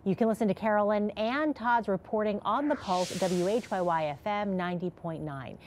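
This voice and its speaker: Woman with a loud, dense radio announcer delivery. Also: medium pitch, normal speed, a little hiss or hum. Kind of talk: scripted radio news read.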